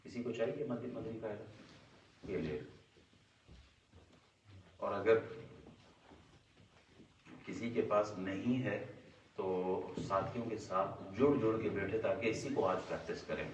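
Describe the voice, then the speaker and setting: A man's voice: lowish voice, a little slow, long pauses, far from the mic, slight background noise. A male recitation teacher leading an adult class, quizzing students and stretching sounds to demonstrate. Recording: echoey room, voice off-mic.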